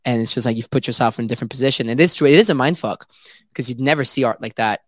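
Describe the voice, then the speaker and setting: A man's voice: mid-range voice, very fast, no echo, clean studio sound. A male host interviewing an artist, chatty and enthusiastic, laughing often. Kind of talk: casual interview chat.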